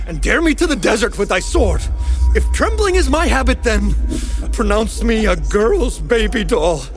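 A man's voice: on the high side, sing-song, measured pace, soft background music. A man playing Macbeth, haunted and defiant. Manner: declamatory, agitated outbursts. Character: Macbeth, haunted guilty king at a feast. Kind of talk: Shakespearean stage acting.

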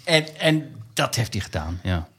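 A man with a slightly husky voice co-hosts a comedy podcast in easygoing banter. His pitch swings around a lot as he jokes along, and he stumbles and restarts mid-sentence. The chat stays loose and playful. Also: measured pace. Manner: lively, laughing, stumbles over words.

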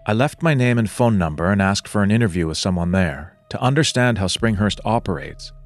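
A man with a lowish voice narrates a scripted investigative podcast. He speaks in a measured, serious way, setting out each point evenly. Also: expressive, soft background music. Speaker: podcast host and reporter.

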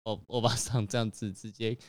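A man's voice: on the low side, a little fast, dry recording. A man with a Taiwanese Mandarin accent, co-hosting a casual chat podcast and teasing his friend while telling stories from his restaurant job. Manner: teasing, animated storytelling. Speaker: podcast co-host; restaurant worker.

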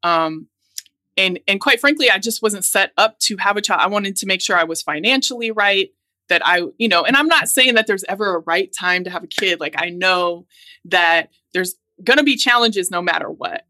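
Bright-voiced woman in her thirties. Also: mid-range voice, normal speed, no echo. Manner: earnest, thoughtful, with soft laughs. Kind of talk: casual chat.

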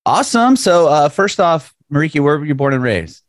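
A man hosting a music podcast, speaking in an energetic, upbeat way and chatting casually with a guest over a video call. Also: on the high side, a little fast, dry recording, clean studio sound. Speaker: podcast host. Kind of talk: casual interview chat. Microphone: remote video call.

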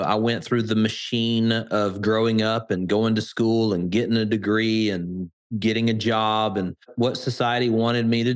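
A middle-aged man with an Alabama Southern accent, telling his story conversationally as an interview guest. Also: lowish voice. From Birmingham, Alabama. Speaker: podcast guest, entrepreneur and crypto investor.

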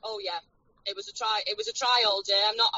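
A woman's voice comes through a phone on speakerphone, dull and lo-fi, bright in tone with a husky edge. She is driving as she talks and vents frankly and bluntly, like a fed-up fan. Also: medium pitch, steady tone, fast talker, no room sound. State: driving while on the call. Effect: heard over a phone on speakerphone. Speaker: caller. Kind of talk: casual chat.

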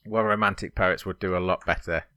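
A man's voice: low-pitched, steady tone, a little fast, sharp tone, smooth, no echo, studio quality. A man co-hosting a podcast in casual chat, teasing his co-host with playful banter.

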